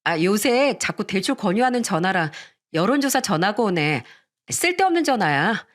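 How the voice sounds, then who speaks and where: A woman voicing an evasive, nervous young wife in a radio story reading, speaking slowly and hesitantly. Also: medium pitch, big pitch swings, natural voice.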